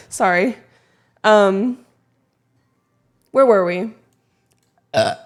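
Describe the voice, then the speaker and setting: A young woman streamer who lives in Texas chats casually on a live stream, speaking very slowly at medium pitch. She's self-deprecating and keeps fussing with her microphone setup.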